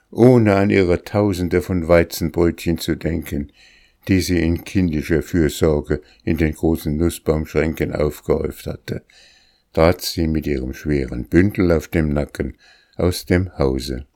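Slow, deep-voiced male storyteller. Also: fairly even intonation, mellow, no echo, studio quality. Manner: measured, deliberate storytelling. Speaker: narrator. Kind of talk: audiobook reading of a classic tale.

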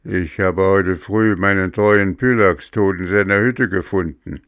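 A man's voice: low voice, steady tone, unhurried, fairly bright tone, no room sound, clean studio sound. A man voicing an angry, threatening farmer in a storybook reading. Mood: stern. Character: angry gruff middle-aged farmer.

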